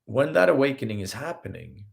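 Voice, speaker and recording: Brisk and medium-pitched with some vocal fry, a man from Sweden leads a live-streamed spiritual talk as a healer and host. He has a Swedish accent and an earnest, lively delivery, acting out small scenes in quotes.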